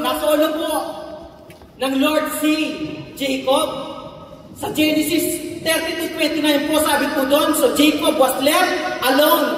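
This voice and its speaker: A man's voice: extremely high pitch, a bit bright, a little hiss or hum. A male pastor with a Filipino accent preaching a sermon, often asking the congregation "no?" and mixing in English phrases. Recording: far-off voice in a long echoey hall.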